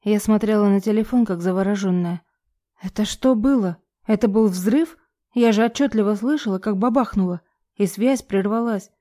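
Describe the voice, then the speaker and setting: A woman narrates a first-person novel with a dramatic, expressive delivery. Her voice has a soft, mellow tone, and she sits at an ordinary pitch for a woman. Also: normal speed. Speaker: audiobook narrator.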